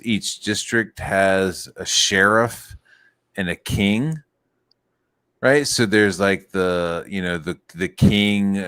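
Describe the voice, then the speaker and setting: A man's voice: low-pitched, a bit bright, smooth, no echo. A man hosting a podcast, chatting casually and crudely, rambling and acting out quotes. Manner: crude, rambling, acts out quotes in exaggerated voices. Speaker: podcast host. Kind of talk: casual comedic chat.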